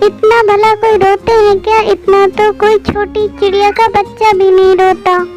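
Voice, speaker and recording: A woman's voice: very high-pitched, little pitch movement, normal speed, poor audio. A woman voicing a caring mother sparrow in a cartoon story, coaxing her daughter in a soothing, motherly way. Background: background music.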